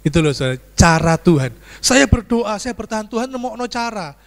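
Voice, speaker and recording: This preacher's voice sits high and moves fairly quickly. Telling a story from the pulpit of a reverberant church sanctuary, he animatedly performs screams and dialogue, calling his congregation "saudaraku".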